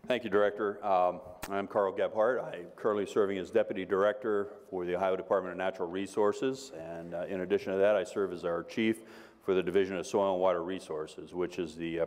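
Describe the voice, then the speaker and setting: Low-voiced man in a reverberant hall. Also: flat delivery, brisk, a little mellow. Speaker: state deputy director. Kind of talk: panel self-introduction. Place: large hotel ballroom meeting. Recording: long reverb of a big hall.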